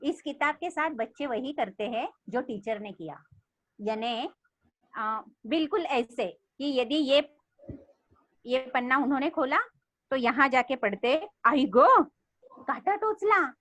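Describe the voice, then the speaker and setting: A woman's voice: sits high, a little slow, dry recording. A woman leading an online teacher training session on a video call, reading storybook lines aloud expressively.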